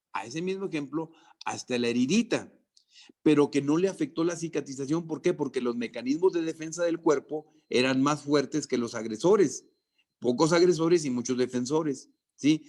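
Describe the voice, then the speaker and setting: A man lecturing nursing students, lively and joking, with theatrical asides and mock threats. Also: mid-range voice. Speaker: medical lecturer.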